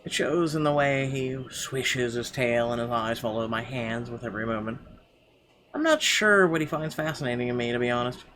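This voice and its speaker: A game streamer plays through a visual novel, reading its text aloud with expression, stumbling a little and tossing in asides. His voice is medium in pitch, fairly bright, and moves at a normal speed, with game music playing behind him.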